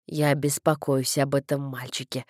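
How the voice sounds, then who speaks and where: A woman doing a rambling low-voiced old vicar. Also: flat delivery, moderate pace, a little mellow, no echo, clean studio sound. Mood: concerned. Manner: rambling, fond of "so to speak" asides. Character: fussy talkative older male village vicar.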